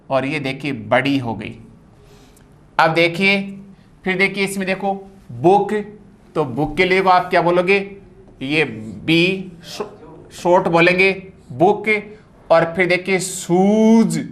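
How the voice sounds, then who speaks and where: A Hindi-accented male teacher with a high, slightly bright voice explains phonetics in an exam-prep lesson. His style is explanatory, and he says "dekhiye" again and again.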